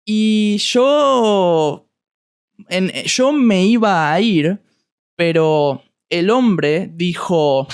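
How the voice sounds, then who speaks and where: A man with an Argentine accent, a Spanish teacher telling a story slowly for learners, repeating words as he searches for them. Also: high voice, clean tone. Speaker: Spanish teacher and podcast host. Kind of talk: slow storytelling for language learners.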